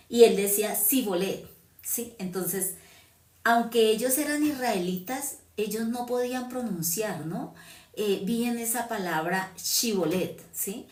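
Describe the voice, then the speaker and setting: A woman's voice: medium pitch, darkish tone, distant mic. A woman from Huila, Colombia, with a Huila accent, giving an informal sermon in a conversational way, often checking in with "¿no?" and "¿sí?". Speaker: preacher. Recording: echoey room, voice from off-mic.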